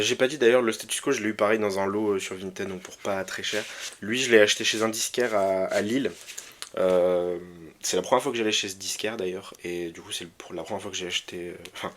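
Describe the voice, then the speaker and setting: A man casually presenting his record collection, hesitant with many fillers and restarts, enthusiastic about the music. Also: lowish voice. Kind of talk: casual vlog talk.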